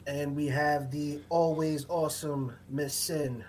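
A man's voice: fairly high pitch, fairly even intonation, takes it slowly, darkish tone. A man hosting a podcast in casual chat, joking and profane and laughing often. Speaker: podcast host.

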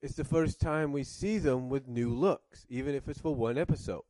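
A man's voice: medium pitch, moderate pace, mellow. A man reviewing cartoons in casual commentary, rambling and circling back to rephrase, coughing now and then with a cough drop in his mouth.

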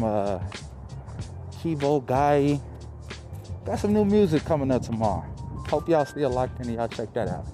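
A man hosting a casual motivational podcast, swearing and repeating himself for emphasis, his speech slightly muffled by a face mask. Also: mid-range voice. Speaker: podcast host. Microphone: close podcast mic, spoken through a mask. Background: music.

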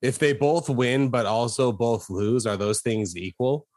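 Mid-pitched male co-host, dry booth sound, deadpan quips. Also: unhurried, no room sound. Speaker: podcast co-host. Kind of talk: casual chat.

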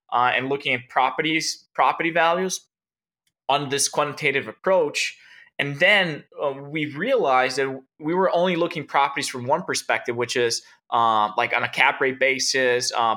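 A tech founder from Brazil, interviewed as a guest, explains in a loose, rambling style with many restarts and "like"s. His medium-pitched voice is bright and forceful, at normal speed.

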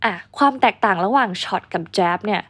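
A woman's voice: mid-range voice, moderate pace, fairly bright tone, breathy edge. A young woman hosting a casual vocabulary lesson. She chats along, explains words and models example sentences. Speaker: English teacher, show host.

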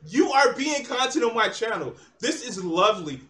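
A man's voice: extremely high pitch, very animated, moderate pace, bright, forceful tone. A man hosting his channel, mocking and taunting someone in a profane heated argument. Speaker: channel host.

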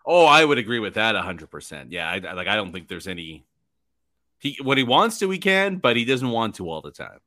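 Bright-voiced joking man. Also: on the low side, sing-song. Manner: joking, teasing, laughs often, halting restarts. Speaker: podcast co-host. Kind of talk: casual sports chat.

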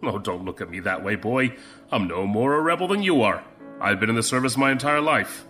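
An actor playing a commanding older admiral in an audio drama, measured and conspiratorial, with music behind. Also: male voice, medium pitch, animated, pushed and bright. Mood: stern. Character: stern older male imperial admiral, conspiratorial.

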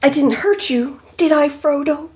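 A woman's voice: on the high side, lively intonation, takes it slowly, pitched above the performer's own voice. A woman voicing a devoted young male hobbit, reading his lines in an exaggerated way. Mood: tender.

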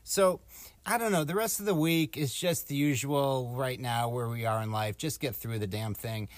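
A man chats as a podcast co-host in a dry, tight space. His talk is informal and musing, wandering from thought to thought at a middling pitch. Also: moderate pace, dry recording. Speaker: podcast co-host giving astrology forecasts. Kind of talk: casual podcast chat. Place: small closet at home, door slightly open.

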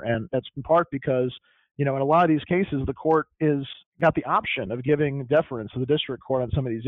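A man lays out his argument step by step, the steady voice of a lawyer who also teaches. His voice sits at a middle pitch with no room around it. The sound is narrow and tinny, as if heard over a phone. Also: no echo. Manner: measured, methodical, emphatic. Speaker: appellate lawyer and law teacher. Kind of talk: explanatory podcast discussion.

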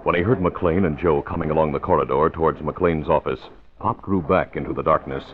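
A man with an extremely deep voice narrates a 1940s radio crime serial at a brisk clip, his tone steady and his storytelling formal and dramatic. The old radio recording sounds muffled, with dramatic music playing behind him.

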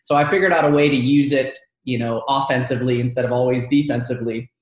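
A man in his thirties from Georgia in the United States, whose first language is Arabic, tells his story as a guest on a podcast in a casual storytelling interview. He is chatty and laughs a lot, with a mid-range voice and a fast pace. The room sounds very echoey.

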